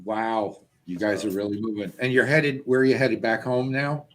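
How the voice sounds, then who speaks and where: A man's voice: lowish voice, steady tone, normal speed, a bit bright, slight background noise. An American man co-hosting a casual show in a friendly, welcoming manner. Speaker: show co-host. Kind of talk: casual chat.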